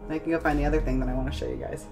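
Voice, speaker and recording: A woman streamer chatting casually on a live stream, tired and a bit hoarse, rambling as she searches for words. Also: deep voice, fairly even intonation, rapid-fire, loud music behind the voice. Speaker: game streamer.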